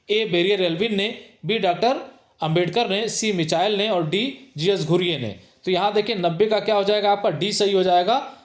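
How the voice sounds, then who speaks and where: A man with a high, light voice teaches an exam-prep lecture, reading each multiple-choice question aloud twice and then stressing the correct option. He sounds middle-aged, and his voice rings in a roomy, echoing space. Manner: reads each question twice, then gives the answer with emphatic repetition. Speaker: sociology teacher.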